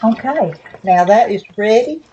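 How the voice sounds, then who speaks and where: An older woman with soft, slightly slurred toothless speech, chatting casually to camera in a folksy, plain-spoken, rambling way in her kitchen. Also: a little high, expressive, a little slow, muffled recording, slight background noise. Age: older, 60s or above. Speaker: home cooking vlogger. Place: small home kitchen, indoors.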